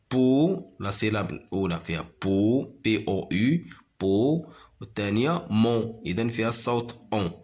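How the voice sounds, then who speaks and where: A man teaching a primary school French lesson, repeating each word slowly, counting syllables and explaining in Arabic. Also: fairly low pitch. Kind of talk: slow classroom reading lesson.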